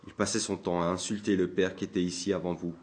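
A man's voice: low-pitched, level tone, fast talker, darkish tone, natural voice. A man voicing a timid, worried village barber who complains anxiously, in a storybook reading.

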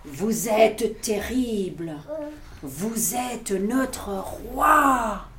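A woman voicing a bold, mischievous little boy in a wolf costume, loud and commanding. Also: mid-range voice, drawn-out words, far from the mic. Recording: echoey room, faint noise.

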